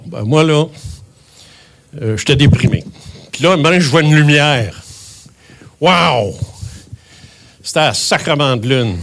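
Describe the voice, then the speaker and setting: Older québécois guy in his 70s, voice swings all over, emphatic, swears a lot. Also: mid-range voice. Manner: emphatic, animated, swears often. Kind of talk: personal storytelling.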